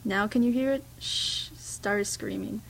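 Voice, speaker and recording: A woman reading a first-person story aloud, in a hushed, reflective way with small slips and restarts. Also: fairly high pitch, unhurried, slight background noise, poor audio. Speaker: reader.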